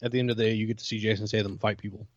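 A man co-hosting a podcast, chatting casually in a measured way with dry humor. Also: on the low side, level tone, no room sound. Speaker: podcast co-host. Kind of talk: casual chat. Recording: slightly dull, lo-fi sound.

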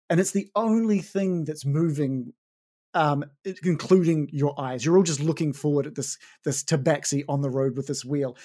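A game master narrating a tabletop game in a relaxed, conversational way. The delivery is full of fillers and restarts, at a middle pitch. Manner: casual, filler-heavy narration.

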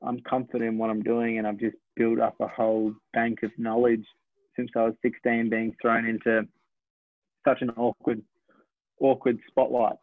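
A man in his twenties from Australia talks over his season as a sprinter, steady and reflective, often stopping to correct his own figures. His voice comes through a narrow, tinny, phone-like line with no room sound, and it sits at an ordinary middle pitch. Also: no room sound. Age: 20s. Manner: reflective, measured, self-correcting. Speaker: sprinter, interview guest. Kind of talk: casual interview talk.

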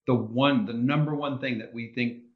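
A man's voice: mid-range voice, fairly even intonation, moderate pace, phone-quality sound. Chatty man in an echoey room. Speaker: co-host. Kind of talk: casual podcast chat.

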